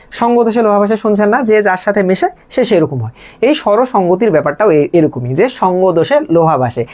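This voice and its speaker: A young man teaching a live online grammar class, patiently repeating each example and asking quick check questions. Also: sits high. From Bangladesh.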